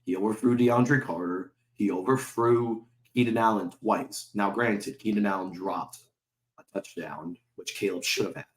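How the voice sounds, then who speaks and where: On a rough recording in an echoey room, a man with a fairly low voice and moderate pace rants to camera on his sports channel. He has a sore throat, swears often, and fires off one rhetorical question after another in heated fan commentary.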